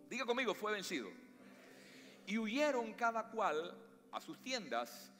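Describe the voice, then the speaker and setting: A man with a Latin American Spanish accent preaching a sermon as pastor, with emphatic rises and slow, stressed phrases. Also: high voice, sharp tone. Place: church sanctuary. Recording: long church reverb with faint music.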